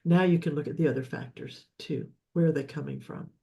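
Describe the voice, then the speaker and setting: A man's voice: on the high side, steady tone, fairly quick, creaky, dark tone. A man teaching a live session on leadership and communication, explaining in a loose, repetitive way with frequent restarts. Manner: explanatory, repeats words and restarts often. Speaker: leadership coach.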